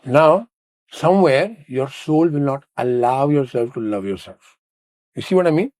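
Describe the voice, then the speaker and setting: Man, mid-pitched voice, earnest and emphatic host, dry close recording. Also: lively intonation, moderate pace, darkish tone, no echo. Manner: earnest, emphatic, speaks in rhetorical questions. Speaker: podcast host. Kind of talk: casual conversation, explaining ideas.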